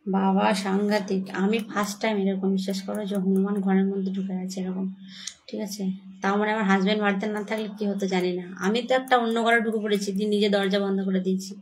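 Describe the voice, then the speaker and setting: A woman's voice: mid-range voice, flat delivery, fast, a little mellow, a little hiss or hum. A young woman, chatting casually to viewers on a livestream from her home phone, still shaken and scared. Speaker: livestream host.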